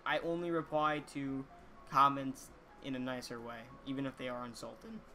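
A fourteen-year-old boy vlogging casually to viewers, talking in an earnest, halting way with repeated words. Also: mid-range voice, little pitch movement, pushed and bright, faint music behind. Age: teenager, 14. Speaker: YouTuber reading viewer comments. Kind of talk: casual chat to camera. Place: small indoor room, gaming chair.

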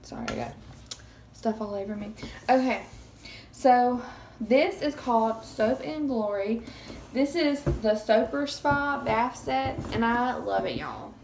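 Her voice sits fairly high, slow and a little mellow with vocal fry, slightly scratchy from bronchitis. The young vlogger is nervous and chatty in a casual review, repeatedly saying "y'all," filmed close on a phone in a small bedroom.

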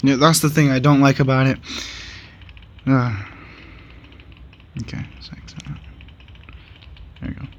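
A man giving casual, excitable commentary while playing a game with a friend, laughing and trash-talking his opponent. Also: mid-range voice, a little slow, long pauses, dull audio, slight background noise. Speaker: gaming channel host.

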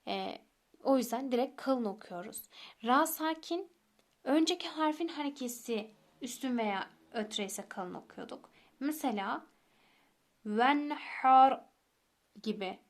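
A young woman teacher explaining recitation rules patiently, repeating each rule step by step and slowing down for examples. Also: fairly high pitch, animated. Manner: slows down to recite example words. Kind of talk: recorded tajweed lesson.

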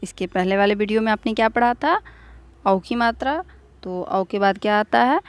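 A woman teacher talks a class of small children through a lesson, asking questions and answering them herself. She says each example word slowly and more than once. Her voice sits at a middle pitch and is recorded close and dry, with no room sound. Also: dry recording. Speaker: school teacher.

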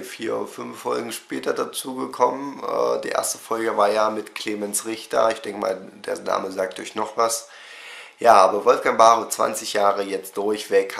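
His voice sits on the low side, gravelly yet fairly bright, in a roomy-sounding small room at home. The young man, in his twenties and nursing a cold that throws his voice off, recaps the week on webcam for his fan channel. He's chatty, leans heavily on fillers, and addresses the camera straight on.

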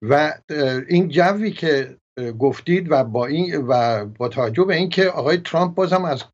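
A man hosting an interview, asking long winding questions with frequent pauses. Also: on the high side, animated. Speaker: host. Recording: dull lo-fi sound.

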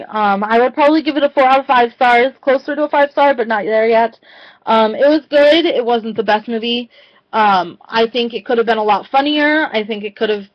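A woman's voice: fairly high pitch, muffled recording. A young woman casually reviewing movies for her video channel, talking in a chatty way with lots of "um" fillers and restarts.

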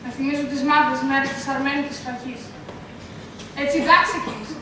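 Playing a troubled, devout mother in a school production, a woman laments and pleads with worried, prayerful fervor. Her delivery is high-pitched, lightly acted, and fairly even in intonation, captured from afar by a camera mic on an echoey, noisy stage.

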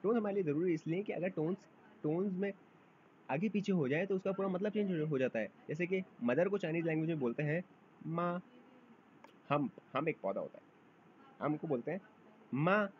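A man gives a beginner language lesson, his voice a little high, and he stretches out each model sound. He keeps asking the class to repeat after him. The recording is dull and lo-fi, with a faint hiss behind. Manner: repeats drills patiently, asks learners to repeat after him; drawn-out model sounds for drills. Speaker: language teacher.

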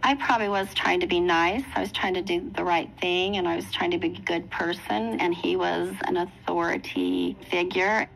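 A woman in her sixties telling her own story in a documentary interview, earnest and reflective, with pauses and restarts. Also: fairly low pitch, steady tone, creaky, fairly bright tone, a little hiss or hum, low-quality recording. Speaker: interviewee recounting her past.

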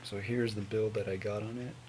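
A man in his twenties giving a casual, mumbled, sweary product review on a low-volume webcam recording. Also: fairly even intonation, a little fast, darkish tone, slight background noise, rough recording. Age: 20s. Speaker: vape reviewer. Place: small home room with hanging clothes.

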